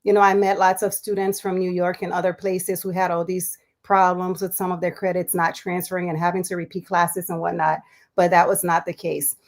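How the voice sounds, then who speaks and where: A woman in her forties from Liberia, a physician telling her life story as a guest in a relaxed interview, chatty and quick to laugh. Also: fairly low pitch. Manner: chatty, laughs often, many fillers.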